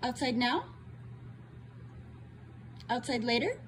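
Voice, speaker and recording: High-voiced woman gently asking her dog. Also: very animated, slow pace, slight background noise. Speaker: dog owner. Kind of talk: casual talk to a pet.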